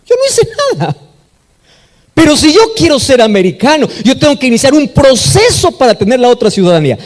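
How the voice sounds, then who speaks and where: A Peruvian man preaching a sermon with emphasis, asking the congregation questions and answering them himself. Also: extremely high pitch. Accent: Peruvian Spanish. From Peru. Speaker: pastor. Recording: echoey hall with long reverb.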